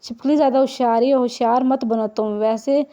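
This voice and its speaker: A woman voicing Faria, a prickly, quick-tempered young woman in an audiobook reading. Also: fairly high pitch, fairly even intonation, dark tone, dull audio, lightly acted. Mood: irritated. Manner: snappy, scolding.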